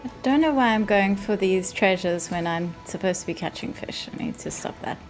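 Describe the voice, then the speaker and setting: A woman's voice: medium pitch, expressive, brisk, soft background music. Chatty South African woman streamer. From South Africa, Cape Town. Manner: chatty, reads chat aloud, laughs easily. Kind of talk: casual live-stream chat while gaming.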